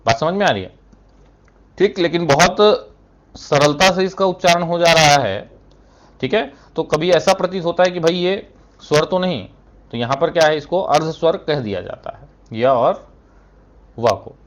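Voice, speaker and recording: With long pauses and a fairly high voice at normal speed, a male teacher walks his class through a Hindi lesson step by step. He poses questions, answers them himself, slips "thik hai" between phrases and occasionally clears his throat.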